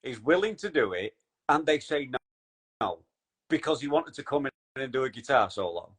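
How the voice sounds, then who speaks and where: A man hosting a podcast in casual chat, animated and swearing when excited. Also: mid-range voice, moderate pace, husky. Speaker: podcast host.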